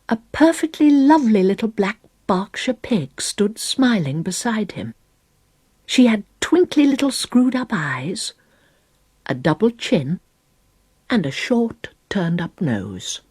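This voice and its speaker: A woman reading a children's storybook aloud with a slow, expressive, husky delivery. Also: no room sound, studio quality. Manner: slow, expressive, varied pitch. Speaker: storybook reader.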